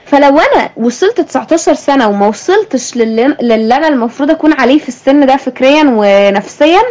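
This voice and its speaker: A woman's voice: sits high, darkish tone, rough recording. A young woman with an Egyptian Arabic accent, hosting a thoughtful conversation and asking her guest questions. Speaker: host. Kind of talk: reflective conversation.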